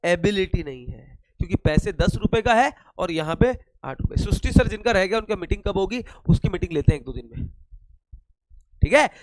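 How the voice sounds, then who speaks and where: A young Indian man teaching a live online lecture, slightly hoarse, joking and asking then answering his own questions. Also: sits high, expressive, fairly quick, no echo, rough recording.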